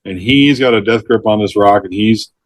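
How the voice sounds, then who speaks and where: A man's voice: lowish voice, moderate pace, dry recording. Middle-aged man telling rescue stories, dry sound. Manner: lively storyteller who laughs mid-sentence and acts out quotes. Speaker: retired forest ranger, podcast guest. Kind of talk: storytelling in a casual interview.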